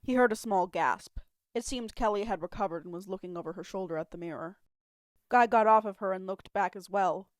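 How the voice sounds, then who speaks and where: A woman's voice: mid-range voice, brisk, dry recording, clean studio sound. A woman narrating fan fiction as an amateur audiobook reader on a home mic, telling it expressively. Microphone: home mic, not professional.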